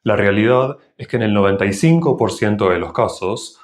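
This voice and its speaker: A man with a Rioplatense accent hosting a grammar lesson, explaining slowly and carefully pronouncing each example word. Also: fairly low pitch, lively intonation. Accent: Rioplatense Spanish. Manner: slow, deliberate, enunciating example words. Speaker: Spanish teacher and channel host. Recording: echoey room.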